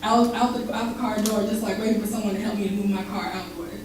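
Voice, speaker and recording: A woman's voice: mid-range voice, fairly even intonation, quick pace, background noise. A woman performing spoken word poetry live, with a rhythmic, dramatic delivery that rises and drops. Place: barbershop, live event. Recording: echoey live room recording from far off.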